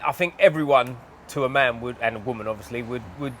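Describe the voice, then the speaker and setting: Male interviewer, southern English London-area accent, rapid colloquial delivery, mate-to-mate chat, slightly noisy gym sound. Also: medium pitch, a bit bright. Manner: matey, colloquial, sweary. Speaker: podcast host, interviewer. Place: indoors in a gym.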